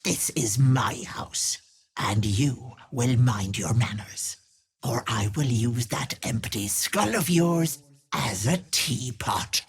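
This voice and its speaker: An actress playing a wicked old hag who poses as a kindly auntie in a video game, sly, wheedling and sharp-tongued, with sugary endearments. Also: female voice, very deep voice, animated, takes it slowly, slightly rough, heavily acted. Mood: angry, threatening. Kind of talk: game voice acting, theatrical.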